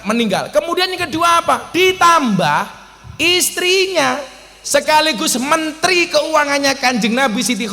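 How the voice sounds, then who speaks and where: A man gives a comic sermon to an outdoor crowd, with a high, bright, lively voice. He teases the audience and swings between loud exclamations and quiet asides. His voice rings out with a long reverb, as if through a public address system. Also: vocal fry. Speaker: preacher. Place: mosque courtyard event, outdoors.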